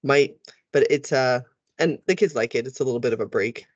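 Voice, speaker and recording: A man's voice: medium pitch, a little fast, dry recording, muffled recording. A man explaining how to use phonics lesson slides, talking teachers through each part and sounding out letters the way they should with kids. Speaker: teacher trainer. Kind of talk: recorded tutorial walkthrough.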